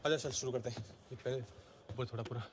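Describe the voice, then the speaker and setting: A man's voice: mid-range voice, fairly even intonation, quick pace, a little hiss or hum, natural voice. A man dubbing a film role as an eager young newcomer who chivvies his friend along. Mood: chummy. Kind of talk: Hindi film dub.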